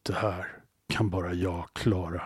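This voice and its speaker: A man voicing an old, hard-drinking male bear hunter in a low, slow, hushed way within a told story. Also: flat delivery, husky, no room sound, clean studio sound. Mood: solemn.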